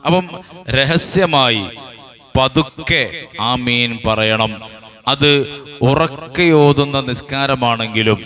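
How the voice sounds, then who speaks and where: Slow, bright-voiced male religious teacher. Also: mid-range voice. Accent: Kerala Malayalam. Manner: slow, repeats points, asks and answers his own questions. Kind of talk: Islamic jurisprudence lesson.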